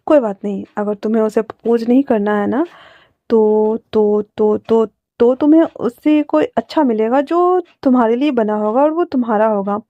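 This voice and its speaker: A woman's voice: fairly high pitch, moderate pace, no room sound, natural voice. A woman voicing a cheerful, chatty young florist who teases his friend, in a dull lo-fi recording. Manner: chatty, teasing.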